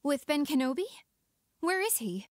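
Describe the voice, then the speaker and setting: A proud, scornful young princess, acted by a woman in a verse drama reading. Her voice is high and very lively in intonation, recorded dry. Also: moderate pace, no echo. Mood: mocking. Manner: scornful, declamatory.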